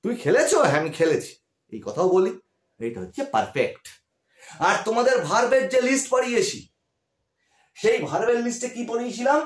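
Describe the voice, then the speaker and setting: Male tutor with a West Bengal Bengali accent, high animated delivery, patient and repetitive, roomy echo. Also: brisk, long pauses. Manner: patient, repeats key words, frequent check-in questions. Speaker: English grammar teacher. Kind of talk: classroom-style grammar lesson. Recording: echoey room.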